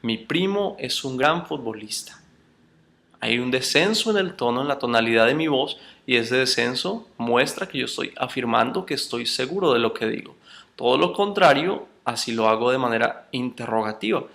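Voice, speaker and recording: A man teaching a recorded course lecture, addressing his students as brothers and explaining slowly with spoken examples. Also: mid-range voice, animated, vocal fry, fairly bright tone. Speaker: course instructor.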